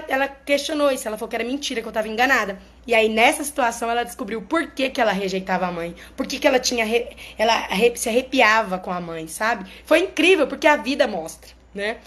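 High-voiced chatty woman. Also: a bit bright. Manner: chatty and explanatory, often checks in with listeners. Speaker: therapist talking to followers. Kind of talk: casual monologue to followers.

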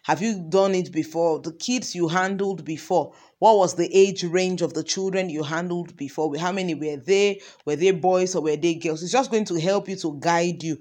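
A woman gives an informal parenting lesson in a lowish, darkish voice at normal speed with few pauses. She talks conversationally, posing many example questions and saying "um" and "you know" a lot.

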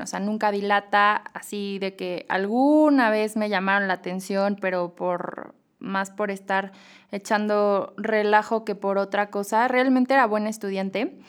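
A young adult woman with a Mexican Spanish accent talks through a casual podcast monologue. She is chatty and animated as a psychologist host. Her quoted dialogue jumps up in pitch.

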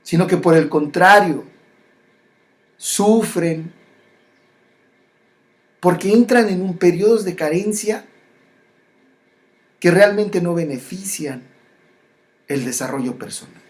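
In a mid-range voice, someone reflects in a spiritual monologue. The delivery is unhurried, with phrases repeated and frequent stops and restarts.

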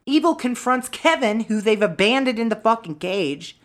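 A woman's voice: on the high side, expressive, moderate pace, a little hiss or hum. Casual, swearing woman recapping a movie. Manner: swears freely, summarizes plot with wry asides. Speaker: podcast co-host. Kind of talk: casual chat, recapping a film plot.

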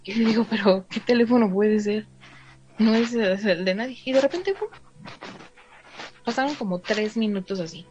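A woman's voice: mid-range voice, normal speed, pauses often, a little mellow. A woman with a Mexican Spanish accent casually telling a story to a listener, filling in with little asides and playing out the dialogue. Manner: chatty, fills in with "o sea", acts out the dialogue. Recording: slightly dull sound with faint noise.

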